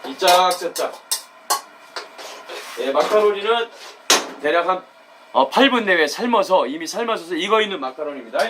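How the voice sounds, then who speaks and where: High-voiced chatty cooking man. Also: brisk, music in the background. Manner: chatty, repeats "예" and "입장" as catchphrases; loud excited outbursts when tasting. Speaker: cooking YouTuber. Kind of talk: casual cooking demo and drinking vlog.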